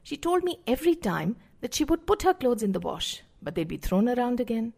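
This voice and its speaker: A middle-aged woman narrating scripted parenting advice, speaking to the listener directly in a measured, explanatory way. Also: a little high, big pitch swings, creaky, darkish tone. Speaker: parenting podcast host.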